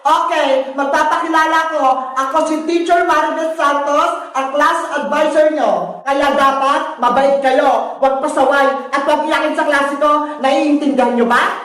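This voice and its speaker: A woman's voice: high-pitched, steady tone, unhurried, few pauses, a bit bright, very echoey. A woman voicing a strict schoolteacher who scolds her class. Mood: stern. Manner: stern, scolding. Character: strict female class teacher.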